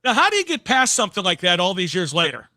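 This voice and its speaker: A man's voice: high-pitched, wildly swooping pitch, fast, pushed and bright. A man interviewing someone conversationally, speaking in an emphatic, candid way. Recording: reverberant hall.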